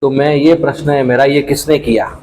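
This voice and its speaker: A man voicing a calm, patient wandering sage in a spoken religious story. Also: medium pitch, normal speed, a little hiss or hum, close to an everyday voice, low-quality recording.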